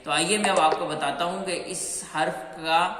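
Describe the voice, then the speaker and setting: A man teaching Qur'anic letter pronunciation in a patient, step-by-step way, repeating sounds and slowly drawing out each letter. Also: fairly high pitch, steady tone, background noise. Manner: slow, clear, repeats sounds and drawn-out chanted letters. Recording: echoey room with long reverb.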